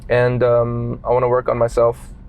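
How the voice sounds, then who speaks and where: A man's voice: mid-range voice, moderate pace, slight background noise. Laid-back man rambling in a car. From Qatar. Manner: relaxed, rambling with many fillers. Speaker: guest. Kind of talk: casual chat.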